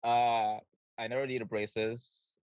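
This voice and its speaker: A man of middle pitch tells stories on a podcast, animated and laughing as he goes. The sound is close and dry. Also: takes it slowly, smooth, no room sound, highs cut off. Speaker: guest co-host. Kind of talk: casual storytelling.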